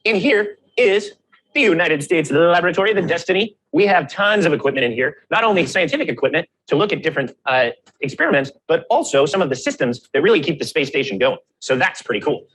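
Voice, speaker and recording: A man, an astronaut, narrating a quick explainer video in an upbeat show-and-tell way, sped up into a chipmunk voice. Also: a little high, lively intonation, a bit bright, a little hiss or hum, poor audio.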